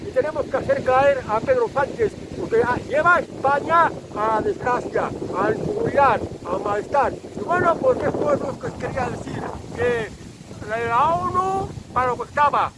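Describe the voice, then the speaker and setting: Man, very high voice, insistent opinion monologue, repeats himself, filler pauses. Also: background noise. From Spain. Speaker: channel host.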